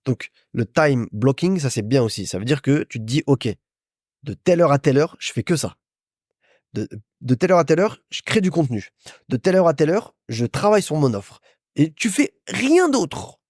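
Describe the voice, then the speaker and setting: This young man's voice is fairly high, with big pitch swings, normal speed and a little mellowness. As host of a casual business podcast, he offers advice directly to listeners in a chatty style, repeating himself and starting over a lot. Clean studio sound, no room sound.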